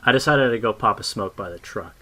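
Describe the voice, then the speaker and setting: A man tells a creepy story in a low, quiet voice, letting the grim details settle. His pitch sits on the deep side, and he keeps a steady storyteller's hush. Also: fairly quick. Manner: low, hushed storytelling with dark asides. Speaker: narrator. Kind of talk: horror story narration.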